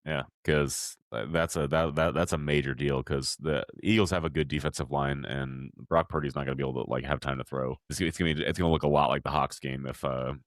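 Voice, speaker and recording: A man talking as a guest on a casual sports podcast, halting, with many restarts. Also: very deep voice, fairly even intonation, dry recording, clean studio sound.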